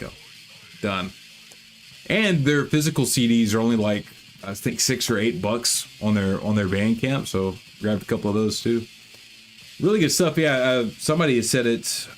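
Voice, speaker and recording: Profane, rambling metal stream host. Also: male voice, medium pitch, slight background noise. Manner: profane, rambling, self-deprecating. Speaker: livestream host. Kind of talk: casual livestream chat.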